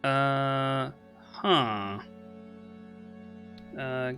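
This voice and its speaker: A man's voice: medium pitch, steady tone, drawn-out words, sharp tone, faint music behind. A man playing in a tabletop game over an online call, his voice muffled and fading in and out as if in an echoing tunnel, talking hesitantly with lots of "uh". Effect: muffled voice-chat audio that fades in and out, as if in an echoing tunnel. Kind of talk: casual online game chat.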